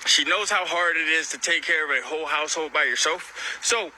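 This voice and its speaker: A man in his late twenties telling a personal story in the first person, emotional and expressive, stammering when upset. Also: a little high, a little fast, slight background noise, poor audio. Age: late 20s.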